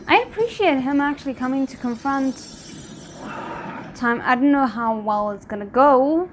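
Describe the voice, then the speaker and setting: With slight background noise behind her, a woman speaks at a normal speed in a high, animated voice as she hosts a reaction video. Her talk to camera is casual and expressive, and her hesitant sentences trail away into asides.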